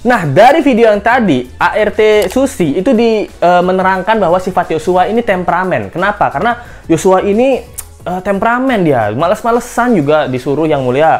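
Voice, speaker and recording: A woman's voice: lowish voice, lively intonation, fairly quick, a little mellow, soft background music. A woman hosting a casual news commentary vlog, talking in a playful, joking, teasing way. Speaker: host.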